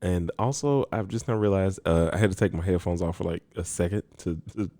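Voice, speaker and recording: A man's voice: low-pitched, a little fast, warm tone. A man co-hosting a podcast in casual chat, rambling off on tangents and laughing often. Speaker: podcast co-host.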